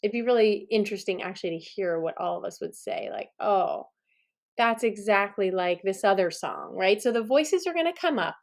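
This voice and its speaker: A middle-aged woman teaching songwriting in a relaxed, chatty way, encouraging and laughing at herself. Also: mid-range voice. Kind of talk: relaxed instructional talk to camera.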